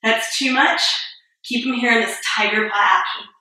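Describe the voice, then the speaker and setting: A woman in her thirties guides a yoga class with steady, step-by-step cues, slightly winded between poses. Her voice is bright and clear, but it sits far from the microphone in a very reverberant room. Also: a little high, normal speed. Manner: calm step-by-step cueing, a little breathless and joking. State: a bit out of breath. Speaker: yoga instructor. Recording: very echoey room, voice far from mic.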